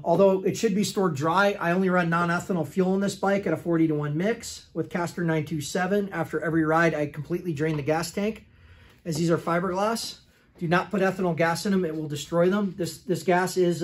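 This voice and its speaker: Higher-voiced man walking through a workshop bike. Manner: plain, matter-of-fact listing of details with fillers. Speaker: restoration shop owner selling a motorcycle. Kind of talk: casual product walkaround. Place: indoor motorcycle workshop.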